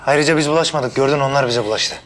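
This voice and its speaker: An actor playing a hot-tempered young man who insists he is calm while he threatens people, in a TV drama. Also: medium pitch, quick pace, close to an everyday voice. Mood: blustering. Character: short-fused young man, blustering tough. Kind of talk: TV drama acting. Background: background music.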